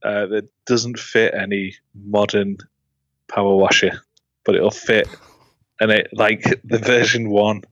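A man's voice: lowish voice, little pitch movement, takes it slowly, fairly bright tone, no room sound, muffled recording. A middle-aged man chatting as a podcast co-host, hesitant and dryly humorous. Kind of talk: casual bantering chat. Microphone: online call, dry sound.

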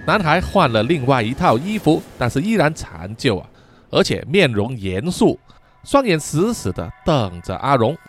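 A man's voice: medium pitch, sing-song, normal speed, soft background music. A man narrating a spooky folk tale, dramatic and drawn out, with long trailing particles at the ends of his sentences. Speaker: storyteller. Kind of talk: spoken horror story narration.

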